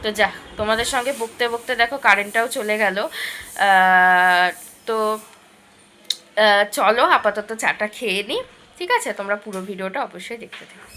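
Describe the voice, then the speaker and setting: A young woman, chatting casually to viewers in a home cooking vlog, speaking softly at times. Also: mid-range voice, moderate pace, long pauses. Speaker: vlogger. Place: home balcony and kitchen.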